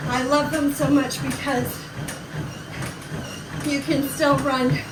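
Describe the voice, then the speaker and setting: A woman's voice: high voice, flat delivery, slow pace. A woman coaching casually and encouragingly while running on a treadmill, talking to viewers as she goes. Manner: encouraging, reassuring. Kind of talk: casual workout talk to viewers. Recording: roomy, distant mic with loud machine noise.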